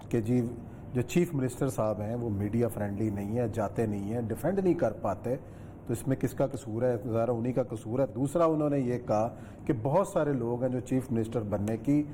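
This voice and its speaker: A man's voice: medium pitch, dark tone, a little hiss or hum. A man hosting a TV talk show, steadily prompting his guest with questions.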